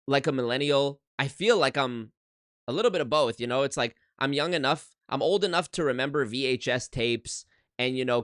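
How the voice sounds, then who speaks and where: Casual, emphatic and swearing, a YouTuber in his twenties keeps restarting his sentences as he livestreams into a desk microphone from his one-bedroom apartment. His medium-pitched voice is a bit bright and clean-toned, recorded with clean studio sound and no room sound.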